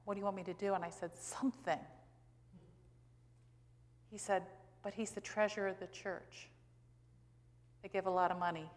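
Standing at the pulpit of a church sanctuary, a woman pastor from the US in her sixties delivers a sermon in a mid-range voice with fairly even intonation. She talks conversationally but emphatically, posing rhetorical questions and pausing for stress, and her gooseneck microphone catches the echo of the hall.

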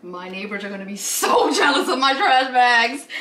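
A woman's voice: fairly high pitch, animated, moderate pace, fairly bright tone, a little hiss or hum. A young woman chatting animatedly through a home vlog in her apartment, often laughing, filmed by a camera at a distance. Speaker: lifestyle vlogger. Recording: roomy echo, away from the mic.

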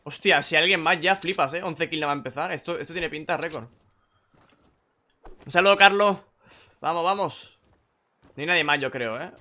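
Excitable young gaming streamer. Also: male voice, a little high, normal speed, long pauses. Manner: excitable, swings from muttering to shouting. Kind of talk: live gameplay commentary. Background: faint gunfire from the game.

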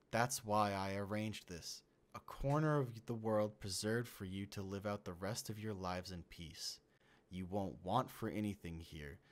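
In a comic dub, a low-pitched man voices an inhuman host pretending to be a trusted friend, speaking in a measured, reassuring manner.

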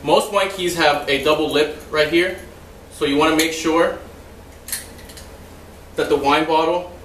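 This instructional demonstration features a young restaurant server trainer with a slightly high voice, speaking at a measured pace in a steady, explanatory manner with a few loose asides. The setting is an echoey dining room inside a house, and a distant camera with no visible mic picks up slight background noise along with the roomy echo.

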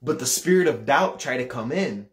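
An earnest man in his thirties tells a personal religious testimony in a mid-pitched voice. He talks fervently, repeating words and restarting as the story builds. His voice climbs sharply when he relives the moment. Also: lively intonation, moderate pace. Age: 30s. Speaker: preacher sharing testimony.

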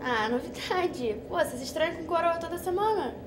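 A woman's voice: very high voice, lively intonation, moderate pace. An actress playing a teen girl coaxing her friend to open up, in casual slang. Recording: echoey room with clear noise.

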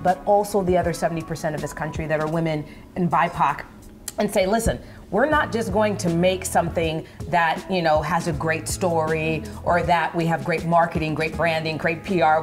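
A middle-aged businesswoman speaking confidently and persuasively in an interview at a restaurant bar, on a lapel mic. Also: lowish voice. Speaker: business leader. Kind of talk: promotional interview talk. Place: upscale restaurant bar indoors.

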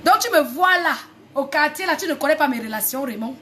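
A woman's voice: sits high, lively intonation, brisk, sharp tone, slight background noise. A woman singer from Cameroon delivering a heated, repetitive, confrontational rant to the camera. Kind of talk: angry video rant.

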